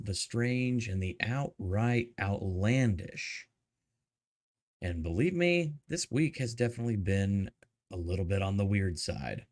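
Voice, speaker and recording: Chatty livestream host with a lively voice. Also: male voice, mid-range voice. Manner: relaxed, chatty, laughs often, greets chat viewers by name. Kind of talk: casual livestream chat.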